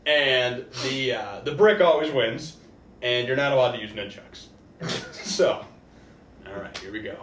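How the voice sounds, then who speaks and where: A man's voice: mid-range voice, unhurried, long pauses, a bit bright. A man co-hosting a comedy show, improvising sketches and banter in a rambling, profane, joking way. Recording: roomy echo with faint background noise.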